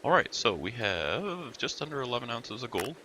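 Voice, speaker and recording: A man with a gravelly early-morning voice gives casual commentary over a game he is playing, rambling and muttering to himself as he goes. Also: mid-range voice, very animated, normal speed, sharp tone, slight background noise. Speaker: let's play host.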